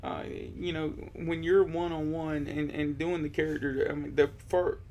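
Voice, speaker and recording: Guy w a slightly high voice, earnest and halting, restarting thoughts on a church podcast chat. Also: level tone, darkish tone, slight background noise. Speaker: discipleship ministry team member. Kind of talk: conversational podcast discussion.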